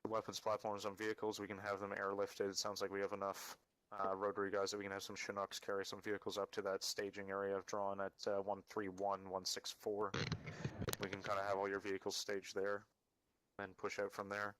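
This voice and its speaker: Low, flat-voiced man giving a mission briefing. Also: dry recording, low-quality recording. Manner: matter-of-fact, directing, with halting hesitant delivery. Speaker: mission leader briefing a team. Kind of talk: military-style mission briefing for a game.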